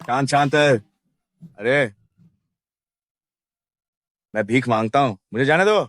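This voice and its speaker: A man's voice: medium pitch, takes it slowly, fairly bright tone. An actor dubbing a sleazy male thug who leers and then begs in panic. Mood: panicked. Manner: leering, then pleading in panic. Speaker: hired thug. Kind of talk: Hindi dub of a drama.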